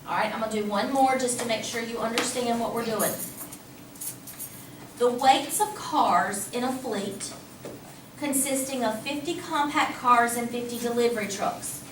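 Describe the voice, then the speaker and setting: High-voiced woman teaching in an echoey classroom. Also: normal speed. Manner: lively, conversational, asks the class questions. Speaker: math teacher. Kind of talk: classroom lecture. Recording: echoey classroom from a distance, faint hum.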